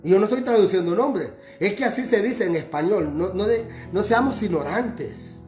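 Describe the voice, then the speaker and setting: A man's voice: high-pitched, expressive, moderate pace, a little mellow. A man from Honduras, preaching a sermon in a fervent, repetitive cadence. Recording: roomy echo with faint music behind.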